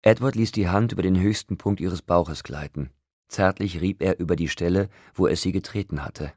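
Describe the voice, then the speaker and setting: Man, audiobook narration, very low voice, husky, dry close sound. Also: moderate pace, a little mellow, no echo.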